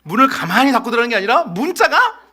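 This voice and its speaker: A middle-aged man preaching a sermon as pastor, telling a story with lively acted-out voices. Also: very high voice, quick pace. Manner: animated storytelling, acts out voices. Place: church sanctuary.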